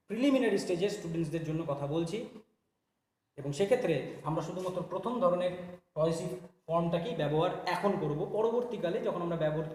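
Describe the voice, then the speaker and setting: A man's voice: on the high side, a little mellow, roomy sound, big-room sound. A man teaching an English grammar lesson, explaining step by step and asking and answering his own questions. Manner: repeats and rephrases points. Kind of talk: Bengali-language grammar lecture.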